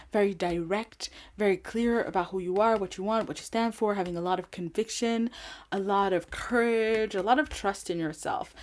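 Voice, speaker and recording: A woman giving a casual pick-a-card tarot reading, chatty and giggly, often breaking into laughter. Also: mid-range voice. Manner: giggly, chatty and warm-hearted, with frequent laughs and fillers. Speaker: tarot reader.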